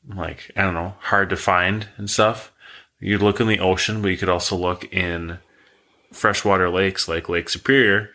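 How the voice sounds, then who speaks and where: A man co-hosting a podcast, casually telling a monster legend and reading facts aloud in a relaxed, rambling way. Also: deep voice. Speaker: podcast co-host telling the story.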